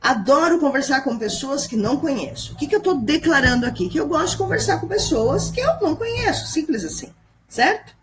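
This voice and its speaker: A woman teaching grammar in a patient, explanatory way, checking in with her students over and over. Her voice sits fairly high and swings widely in pitch. A faint hiss of background noise sits under the recording. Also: big pitch swings, a little fast, fairly bright tone. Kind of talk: screen-recorded grammar lesson. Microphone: computer mic at home screen recording.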